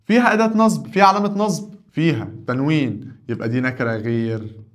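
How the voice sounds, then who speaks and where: Speaking fast in an Egyptian accent, a male Arabic teacher drives a grammar lesson by shooting out questions and answering them himself. His voice climbs on each question and sinks low for the answer.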